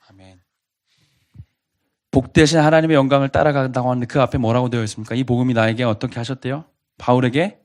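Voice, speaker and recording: Guy pastor giving a sermon, earnest, keeps asking the room questions, mid pitch voice. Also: a little mellow. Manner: earnest, asks the congregation repeated questions.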